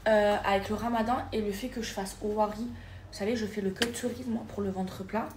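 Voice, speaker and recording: Speaking briskly in a mid-range voice with fairly even intonation, a vlogger in her thirties films herself on the move, first indoors, then in the car and shops. She chats casually and keeps addressing her viewers while background noise runs underneath.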